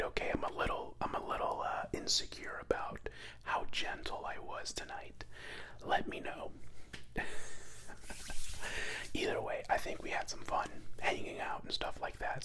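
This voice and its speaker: A young man from Florida whispering a rambling, self-doubting ASMR chat close into microphones. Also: pushed and bright. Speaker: ASMR creator. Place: small home room with neon lights, indoors. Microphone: two studio mics close on either side.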